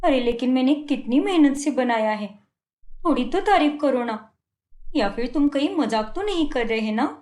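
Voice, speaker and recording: A patient young wife in a cartoon story, pleading and trying to keep the peace, as a woman voices her. Her voice is high and swings widely in pitch. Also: lively intonation, moderate pace, darkish tone, echoey room. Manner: pleading, appeasing. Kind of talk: cartoon voice acting.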